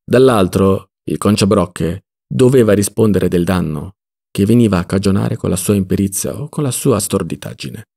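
A man narrating a literary audiobook in an expressive, dramatic reading style. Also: deep voice, moderate pace, creaky. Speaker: audiobook reader.

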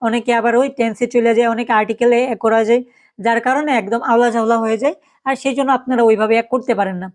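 A woman teaching a German lesson online in a chatty way, often saying "yes" and "so" and mixing in English words. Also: fairly high pitch.

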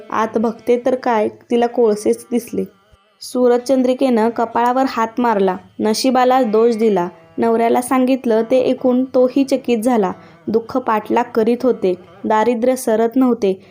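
A woman's voice: a little high, dark tone. Woman telling a devotional tale. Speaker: storyteller. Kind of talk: scripted narration of a devotional tale.

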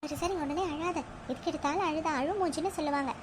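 A stern cartoon mother, voiced by a woman, scolding her daughters in a high voice at a brisk pace. She gives orders and warnings firmly. The recording carries a clear background hiss. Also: close to an everyday voice.

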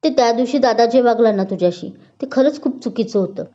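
A gentle, caring college friend, read by a woman storyteller in a storybook telling. She speaks sincerely in a fairly high, mellow voice. It comes through a dull lo-fi recording. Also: brisk, close to an everyday voice.

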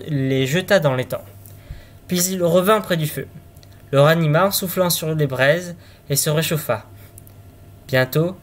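A man reading a fairy tale aloud, now and then stumbling and restarting words. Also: fairly high pitch. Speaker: storyteller.

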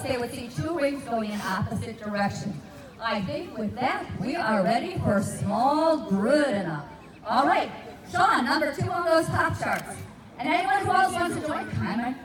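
A high-pitched woman, a folk dance leader, guides a children's circle dance at an outdoor festival in a grassy park, playfully calling animated instructions to the crowd. She talks into a handheld mic, but the clip was filmed from a distance, so it sounds distant and echoey, with music and crowd noise.

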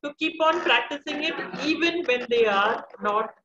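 A middle-aged woman with an Indian English accent, speaking calmly as an expert in a webinar for parents, explaining and repeating key points. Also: high voice, moderate pace, over music. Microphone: video call. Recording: echoey, lo-fi video call audio.

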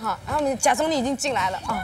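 A high-voiced woman hosts a TV variety show. She laughs often and teases her guests as she narrates a slapstick skit. She sounds a bit distant from the mic, over a loud studio audience. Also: rapid-fire, a loud crowd. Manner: giggly, teasing, lively stage narration. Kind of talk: playful variety show hosting, directing a skit. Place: TV studio set.

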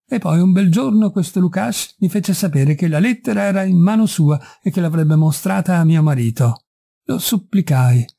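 A man's voice: fairly high pitch, vocal fry, mellow, husky, heavily acted. A man putting on an imploring young noblewoman. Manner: imploring, breathless pleading. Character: distraught pleading young noblewoman. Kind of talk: audiobook reading.

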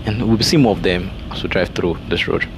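A man's voice: sits low, fairly quick. A Nigerian man giving casual commentary while driving, pointing out sights along the road like a tour guide. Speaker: vlogger. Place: inside a moving car. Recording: road and car noise behind.

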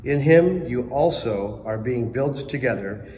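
A man reading the scripture and psalm at Mass as lector, with a steady, clear delivery in the long echo of a large church. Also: medium pitch, unhurried, a little hiss or hum. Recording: echoey church hall, faint ambience.

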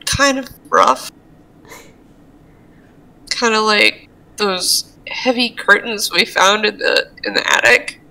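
A woman's voice: mid-range voice, slow, pauses often. Woman playing a fragile, hurting young man. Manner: hesitant, quiet, shaky. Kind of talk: tabletop role-play.

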